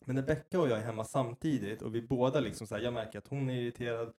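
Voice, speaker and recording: A man in his thirties chatting casually as a podcast co-host, telling rambling, animated stories and swearing freely. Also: medium pitch. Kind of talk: casual chat.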